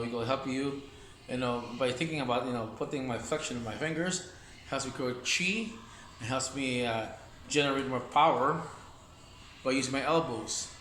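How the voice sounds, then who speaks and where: A man with a mid-range, a bit bright voice speaks at normal speed with long pauses, and there's a little hiss or hum. He's giving a casual Wing Chun demonstration, rambling, repeating himself, and talking while showing moves in an echoey room with faint ambience.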